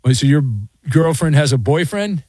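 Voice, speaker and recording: A man with a fairly high voice in a very dry studio. He hosts sports radio with casual banter, teasing callers in a wry way. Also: animated, moderate pace, mellow, no echo.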